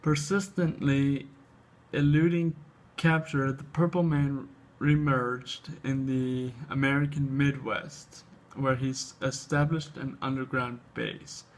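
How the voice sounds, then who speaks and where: A man hosting a comic book show, reading aloud haltingly with casual asides, his speech slightly tripped up by an overbite. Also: mid-range voice, fairly even intonation, low-quality recording. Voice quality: slight speech impediment from an overbite, tongue flicking at upper lip. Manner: halting reading, stumbles and repeats words.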